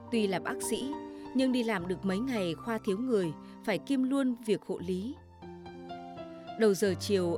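A woman narrating a story in a measured, steady reading. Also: medium pitch.

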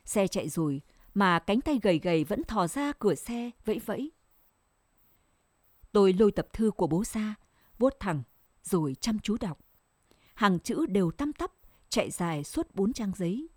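A woman narrating a scripted first-person story in a measured, sorrowful way. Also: medium pitch, sing-song, a little mellow, no echo, clean studio sound.

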